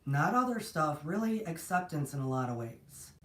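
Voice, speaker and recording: Deep-voiced and very animated at a normal speed, a spiritual platform host chats casually on a livestream despite a strained, partly lost voice. She rambles, restarts often, and warmly greets viewers. Recorded by a distant mic without real setup, she sounds far away amid room echo.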